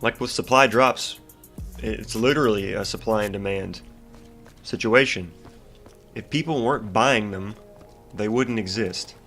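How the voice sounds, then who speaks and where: Faint music plays behind this congested young man as he comments on his gameplay in a fairly low, slightly bright voice, a little slow with long pauses. A gaming YouTuber with a stuffy nose, he rants casually about the game, full of fillers and restarts.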